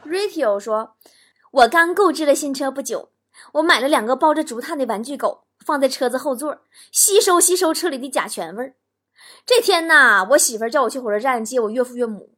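Lively high-voiced woman comic host. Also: brisk. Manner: animated, laughing between bits. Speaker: talk show host. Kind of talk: comedic reading of listener jokes. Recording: noisy recording.

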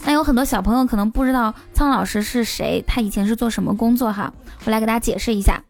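Playful woman joking over soft music. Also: a little high, quick pace, vocal fry. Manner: playful, teasing jokes. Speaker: host. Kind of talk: comic monologue.

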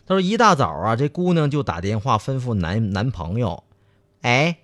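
A man's voice: medium pitch, big pitch swings, fairly quick, a bit bright. A man co-hosting a comedy radio show with a Northeastern Chinese accent, reading out listener messages and playfully acting out jokes. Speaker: radio talk show co-host. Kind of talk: bantering comedy radio chat. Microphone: studio microphone.

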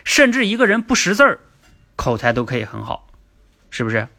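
Bright-voiced male speaking coach lecturing. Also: mid-range voice, wildly swooping pitch, creaky. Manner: explanatory, asks and answers his own questions; repeats key definitions slowly. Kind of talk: livestream lecture.

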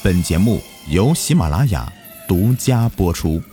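Slow, low-voiced male show announcer. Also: sing-song, mellow, faint music behind. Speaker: program announcer.

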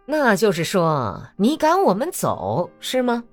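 A woman voicing an angry, hot-tempered young male Cossack who sneers and shouts threats. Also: mid-range voice, wildly swooping pitch, slow pace, faint music behind, voice pushed up, exaggerated voice. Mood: sneering.

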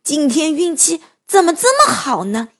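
A woman's voice: high voice, very animated, moderate pace. A woman voicing a cheerful, greedy big grey male wolf in a children's story, chuckling to himself as he talks. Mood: gleeful.

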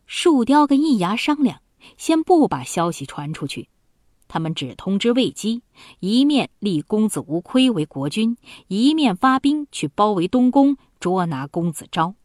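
A woman storyteller reading a historical tale for children, slowly and expressively. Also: medium pitch, sing-song, a little mellow, no room sound, studio quality.

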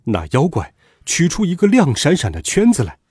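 A man narrating a storybook with a lively, dramatic reading. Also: on the high side, normal speed, slightly rough, no room sound, studio quality.

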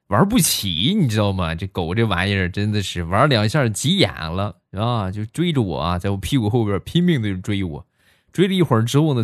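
A man's voice: on the low side, no room sound, clean studio sound. A man, telling comic stories on a podcast in a chatty, playful way. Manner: chatty and playful, heavy erhua. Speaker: comedy podcast host. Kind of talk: comic storytelling.

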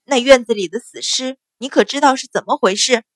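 A woman's voice: sits high, a little fast, no echo, clean studio sound, natural voice. A woman reading an audiobook novel, voicing a haughty, scheming middle-aged stepmother of a noble house who speaks sharply and indignantly.

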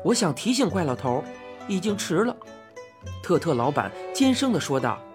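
Woman narrating a storybook, expressive, lively pitch, lowish voice, faint music underneath. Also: moderate pace. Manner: lively, expressive first-person telling.

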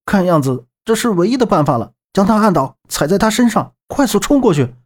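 A man's voice: sits high, big pitch swings, a little fast, voice pushed up. A man voicing a bold young male tomb explorer who gives urgent commands in an audiobook. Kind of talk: audiobook character voice.

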